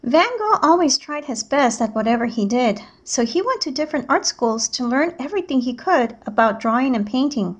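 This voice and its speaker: A woman reads a picture book aloud in the manner of a teacher, her storytelling narration measured and clearly enunciated. Her voice is high-pitched with lively intonation.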